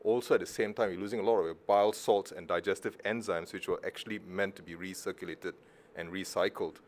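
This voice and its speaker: A man's voice: sits low, steady tone, quick pace, slight background noise. A middle-aged man from Malaysia, a surgeon giving a conference talk in a casual, joking way with self-deprecating asides. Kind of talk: conference presentation.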